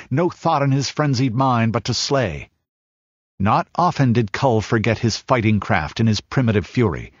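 A man reading a dark fantasy tale as audiobook narrator, measured and dramatic, rising as the battle scenes build. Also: mid-range voice, breathy edge, no room sound. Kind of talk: scripted narration. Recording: dull lo-fi audiobook recording.

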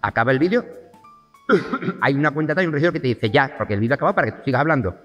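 A man telling a lively anecdote as a talk show guest, acting out the voices of the people in his story. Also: medium pitch, rapid-fire, big-room sound, dull audio, faint music behind.

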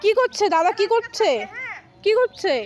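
Very high-pitched coaxing woman with sore throat. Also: unhurried, darkish tone. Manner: coaxing, repetitive calls to children. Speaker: family vlogger. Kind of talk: casual vlog narration to viewers.

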